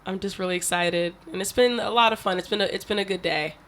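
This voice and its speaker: A woman's voice: mid-range voice, fast, a bit bright, a little hiss or hum. An American woman, an actor, chatting playfully and laughing at herself after a shoot. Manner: laughing, playful, self-mocking. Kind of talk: casual post-shoot chat.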